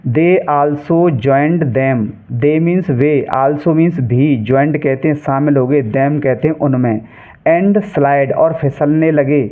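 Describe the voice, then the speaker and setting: Slow, tinny-voiced man teaching English reading. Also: a little high. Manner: reads English word by word very slowly, then explains each word in Hindi. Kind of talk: reading lesson, slow English then Hindi explanation. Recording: tinny phone-like sound.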